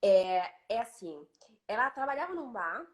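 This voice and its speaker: A woman's voice: medium pitch, very animated, measured pace. A Brazilian woman hosting a casual live chat, talking emphatically and eagerly repeating her agreement. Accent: Brazilian Portuguese. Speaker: host.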